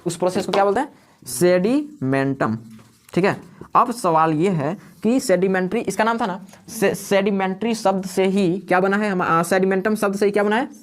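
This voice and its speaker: Fast-talking teacher quizzing his class. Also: high-pitched, steady tone. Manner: asks questions and answers them himself, repeating key words. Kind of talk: live classroom lecture. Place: classroom with students.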